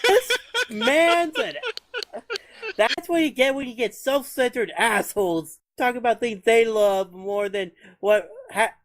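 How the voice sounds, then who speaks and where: A woman's voice: fairly high pitch, expressive, slow. A woman chatting casually in a group, blunt and scornful, with plenty of swearing. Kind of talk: casual, profane group banter.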